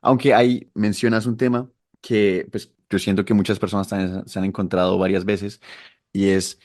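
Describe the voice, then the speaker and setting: A man's voice: on the low side, level tone, normal speed, darkish tone, no echo, clean studio sound. A young man co-hosting a podcast, thinking aloud in a reflective, hesitant way. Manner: reflective, hesitant, many fillers. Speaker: podcast co-host. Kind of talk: casual conversational talk.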